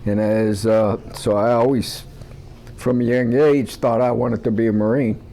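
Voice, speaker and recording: A man in his seventies from Ohio, telling his own memories in an interview in a plainspoken, halting way. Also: mid-range voice, steady tone, warm tone. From Cleveland, Ohio, USA. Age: 70s. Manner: plainspoken, halting with many uhs. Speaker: veteran interviewee.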